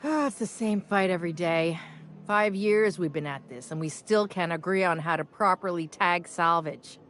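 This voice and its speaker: A woman's voice: lowish voice, moderate pace, fairly bright tone, slight background noise, close to an everyday voice. An actress playing a firm, weary woman bar owner keeping peace in a video game.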